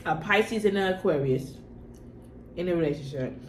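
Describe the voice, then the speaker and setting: A young adult woman with a lowish voice talks at normal speed in a casual mukbang chat to camera. As a vlogger answering personal questions, she's informal and slangy and repeats herself for emphasis, in an echoey room with faint background noise.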